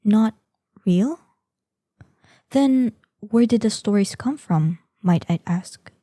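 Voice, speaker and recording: Indignant and demanding, the ancient, vain dragoness in human guise, voiced by a woman, speaks in a mid-range voice that is very dark, mellow and breathily soft, yet animated. Her delivery stays slow and imperious, with the formal, theatrical phrasing of a fantasy audio drama, in a scripted roleplay. Studio quality, no room sound.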